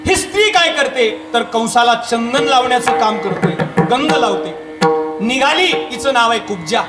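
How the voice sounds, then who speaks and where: A man's voice: very high-pitched, animated, normal speed. A man preaching a devotional kirtan sermon at a live gathering, telling a story and quizzing his audience. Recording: echoey hall with music behind.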